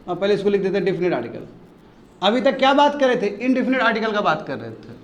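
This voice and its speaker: High-voiced man teaching a class. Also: very animated, fast talker, roomy sound, dull audio. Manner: questioning, drills students repeatedly. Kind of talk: classroom grammar lesson. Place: classroom with students.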